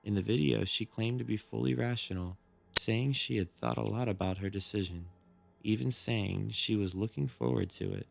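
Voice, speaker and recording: A man reads scripted true-crime horror narration in a measured, solemn storytelling manner. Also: on the low side, creaky. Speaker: narrator of a creepy mystery series. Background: background music.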